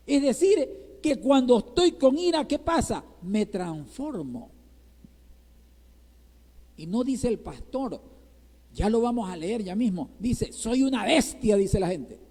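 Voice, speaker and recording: A man's voice: sits high, very animated, takes it slowly, pauses often, warm tone. A male pastor from Ecuador preaching a sermon in Ecuadorian Spanish, asking the congregation rhetorical questions and checking with them again and again. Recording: reverberant church hall.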